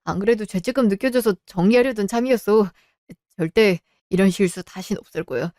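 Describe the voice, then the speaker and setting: A woman's voice: medium pitch, a little fast, a little mellow, no room sound, clean studio sound, lightly acted. A woman voicing a cheating husband who makes excuses and begs, in a radio drama. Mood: defensive. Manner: wheedling, excuses. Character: cheating husband, evasive and pleading.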